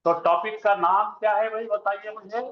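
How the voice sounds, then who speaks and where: A man's voice: sits high, steady tone, moderate pace. A man teaching Arabic grammar to a class. He quizzes the students with call-and-response questions and chants verb conjugations in rhythmic lists. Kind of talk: classroom lecture. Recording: roomy, dull lo-fi classroom recording.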